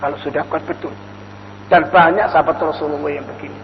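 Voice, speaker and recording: A man's voice: a little high, fairly even intonation, fast, creaky. An older man preaching a dawn sermon, telling stories and acting out the voices in them. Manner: storytelling, acts out quoted voices. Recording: lo-fi recording in a reverberant hall with faint noise.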